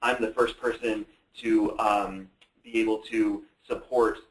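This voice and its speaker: A man's voice: lowish voice, little pitch movement, measured pace. A man co-presenting at a conference, telling stories in a conversational way. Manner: storytelling, conversational. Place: presentation hall. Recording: roomy hall sound.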